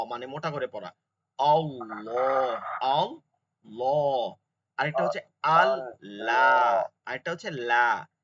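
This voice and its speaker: A man teaching an online Quran recitation class, patiently explaining rules and slowly chanting Arabic phrases. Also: fairly high pitch, pushed and bright, dull audio, a little hiss or hum. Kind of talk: online tajweed lesson.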